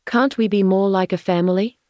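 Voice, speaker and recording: A man's voice: high voice, fairly even intonation, brisk, a little mellow, no room sound, studio quality, pitched above the performer's own voice, close to an everyday voice. A man voicing an older grandmother who firmly calls for peace at the family table, in an audiobook. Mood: pleading.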